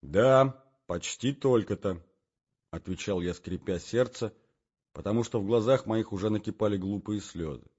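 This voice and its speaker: A man with a husky voice reading a literary story aloud in a wistful, dramatic manner, on a dull lo-fi recording. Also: fairly low pitch, moderate pace, mellow. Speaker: narrator.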